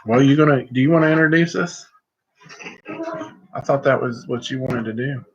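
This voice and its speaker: A middle-aged man chatting casually and folksily on a livestream, rambling along with hesitant pauses. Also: mid-range voice, slightly rough. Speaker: host of a livestream vlog. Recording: slightly muffled, lo-fi livestream audio.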